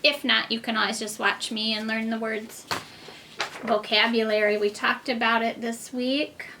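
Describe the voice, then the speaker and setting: A woman speaking as a kindergarten teacher, with simple, deliberate phrasing as if reading to a toddler. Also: a little high, flat delivery, background noise. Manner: simple, deliberate phrasing addressed to small children. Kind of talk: children's reading lesson, as if reading to a toddler.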